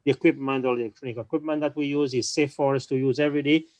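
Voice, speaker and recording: A man speaking on a conference panel, explaining at a measured pace and often restarting his sentences. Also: medium pitch, steady tone, darkish tone, no room sound, poor audio. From small island nation.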